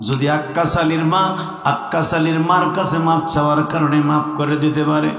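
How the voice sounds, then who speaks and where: A man giving a fiery sermon to a large gathering, chanting in a sing-song way that rises to shouts, heard through a PA. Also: fairly high pitch, steady tone, fairly quick, soft background music. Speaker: preacher. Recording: echoey PA sound with long reverb.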